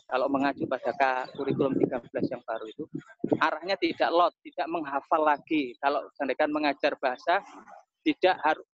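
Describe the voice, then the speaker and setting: A man's voice: on the high side, dry recording. A man lecturing over a webinar in a casual, chatty way, repeating his phrases as he explains. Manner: conversational, repeats phrases, chatty with local asides. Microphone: video call. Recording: slightly dull, dry online audio.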